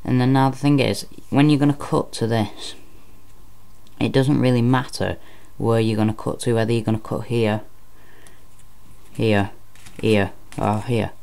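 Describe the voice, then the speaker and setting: Guy doing card magician patter, gravelly voice, pretty flat, walks you through it step by step. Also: medium pitch, measured pace. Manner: step-by-step explaining, repeats phrases. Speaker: card trick presenter.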